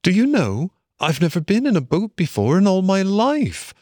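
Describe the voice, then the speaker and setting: A man reading a storybook aloud, voicing a shy, excitable young male mole in a high, eager voice. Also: normal speed, no echo, studio quality, exaggerated voice. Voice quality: high, eager, breathless delight.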